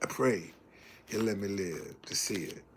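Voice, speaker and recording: Speaking a little slowly in a fairly low voice, with slight background noise, a livestream host in his seventies preaches about success. His casual, folksy talk includes reading out messages from the chat.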